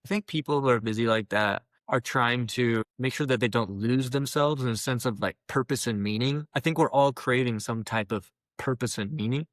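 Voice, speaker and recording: A young man of medium pitch offers earnest, reflective life advice during a casual podcast chat. His voice comes through dry and close, with no reverb. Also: normal speed, few pauses, fairly bright tone. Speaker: podcast co-host.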